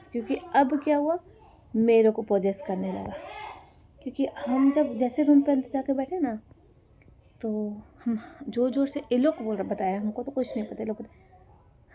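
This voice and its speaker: A woman's voice: on the high side, mellow, slight background noise. A young woman telling a personal story in a casual vlog, chatty and rambling. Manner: chatty, rambling retelling with fillers. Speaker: vlogger.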